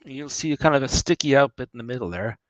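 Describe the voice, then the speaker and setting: A man with an Irish accent leading a guided tour of his distillery. He talks in a chatty, animated way, with wry asides and frequent restarts. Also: mid-range voice, quick pace, no echo, poor audio. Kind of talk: guided tour talk, answering questions.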